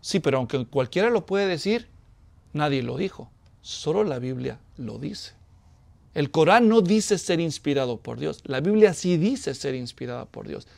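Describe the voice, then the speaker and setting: A man preaches in a high, light voice. He teaches in a conversational way and keeps putting questions to his listeners. The sound is dry and close. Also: expressive, measured pace, vocal fry, a little mellow, dry recording. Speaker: pastor. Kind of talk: sermon.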